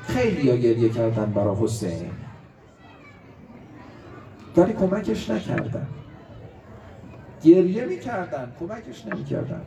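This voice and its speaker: High-voiced impassioned preacher, echoey hall. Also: male voice, very animated, vocal fry, pauses often. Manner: impassioned rhetorical preaching, swinging between loud and quiet. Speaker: cleric preacher. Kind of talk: religious sermon to a gathering. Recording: echoey room, distant mic, faint hiss.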